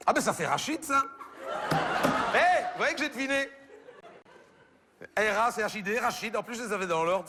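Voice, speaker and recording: A Belgian French comedian on stage, doing one side of a phone call, stammering and bemused. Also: male voice, high-pitched, in a large hall, very noisy. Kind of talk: stand-up phone sketch. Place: theater stage with audience.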